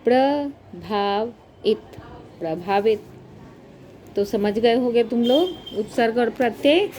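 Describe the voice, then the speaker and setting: A woman teacher giving a grammar lesson, slowly spelling out words piece by piece and repeating them for her students. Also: on the high side, darkish tone, a little hiss or hum. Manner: slow, spelling out words syllable by syllable.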